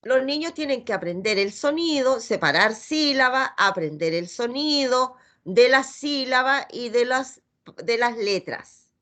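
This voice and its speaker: A woman's voice: fairly high pitch, bright, forceful tone. A middle-aged woman with a Chilean accent teaching a reading lesson, patiently sounding out letters and syllables. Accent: Chilean Spanish.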